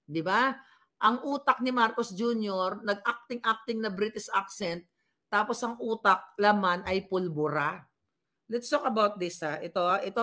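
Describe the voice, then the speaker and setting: A woman's voice: medium pitch, a bit bright. Scornful Filipino woman mocking politicians. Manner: scornful, mocking, reads viewer comments aloud. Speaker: political commentary vlogger. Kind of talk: casual live political commentary.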